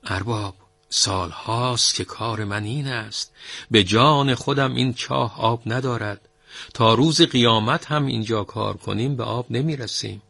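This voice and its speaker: A man voicing a weary middle-aged head well-digger who pleads with his master in a raised, husky voice. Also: medium pitch, bright, forceful tone, no room sound. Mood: quiet earnest.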